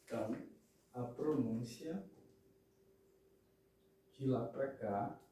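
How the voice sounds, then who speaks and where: Male teacher, unhurried, mellow tone, patient and repetitive, far from the mic in a very echoey room. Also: mid-range voice. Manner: patient, repeats words and checks understanding with "ok?". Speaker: Hebrew grammar teacher. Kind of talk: explanatory lesson.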